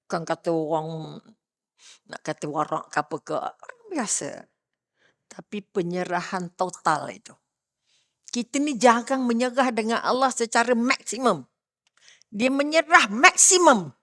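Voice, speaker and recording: A middle-aged woman with a Malaysian Malay accent, giving a religious talk to a congregation, asking the listeners questions and swinging between loud emphasis and hushed storytelling. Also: a little high, lively intonation, moderate pace, dry recording, clean studio sound. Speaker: religious teacher.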